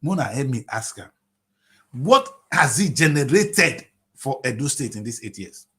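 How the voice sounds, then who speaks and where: A man in his late fifties with a Nigerian accent, giving impassioned political commentary on TV, firing off rhetorical questions and swinging between shouting and low mutters. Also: sing-song, a little slow. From Nigeria (Delta State). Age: 50s.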